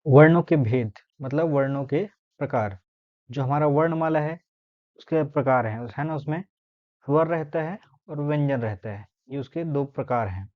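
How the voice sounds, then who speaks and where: A male teacher with a slightly high voice walks through a grammar lesson step by step, slowly sounding out letters and frequently checking in with his listeners. The recording sounds dull and lo-fi.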